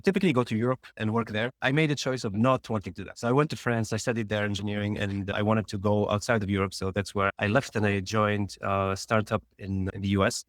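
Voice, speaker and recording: In a dry recording, a Tunisian man with a lowish voice, a startup founder, is the guest in a casual interview. He rambles quickly through his career story, frequently restarting his sentences.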